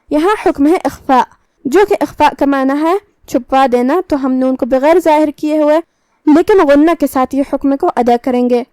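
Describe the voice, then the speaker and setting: A woman with a high voice teaches Quran recitation, reciting each verse slowly and then explaining how every letter is pronounced. Her delivery is measured and methodical. The sound is dry and close, with no room echo. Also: a little mellow. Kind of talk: tajweed lesson with slow recitation.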